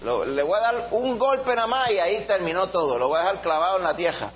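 A man's voice: high voice, lively intonation, fast talker, a bit bright, voice pushed up. A man voicing an eager, boastful soldier, in a muffled recording. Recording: muffled recording with faint hum.

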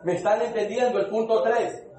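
High-voiced preacher in echoey hall. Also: male voice, steady tone, warm tone. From Colombia. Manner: emphatic, slows down to stress points; calls out to congregation. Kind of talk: sermon testimony.

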